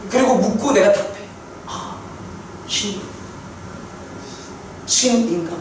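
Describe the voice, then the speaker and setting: A man preaching a sermon testimony, telling his story with animated repetition for emphasis. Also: sits high, takes it slowly, a little hiss or hum. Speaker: pastor. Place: church sanctuary. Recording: echoey church hall from far off.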